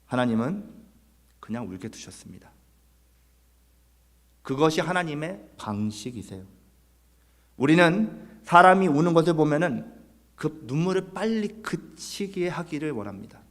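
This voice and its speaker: A man's voice: on the high side, very animated, measured pace, pauses often, in a large hall. A man preaching a Sunday sermon as pastor, earnest, putting rhetorical questions to his congregation. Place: church sanctuary.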